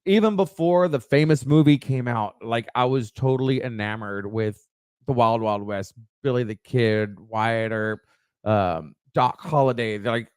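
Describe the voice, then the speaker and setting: A middle-aged man co-hosting a casual podcast, blunt and profane, halting with lots of fillers. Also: mid-range voice, clean tone, no echo, clean studio sound. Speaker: podcast co-host. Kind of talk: casual chat.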